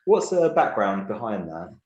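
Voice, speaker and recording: An upbeat man hosts a podcast interview and introduces each segment. His voice sits a little low, and the recording carries a clear roomy echo. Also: sing-song, normal speed, darkish tone, muffled recording. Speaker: podcast host. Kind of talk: interview hosting. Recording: echoey room.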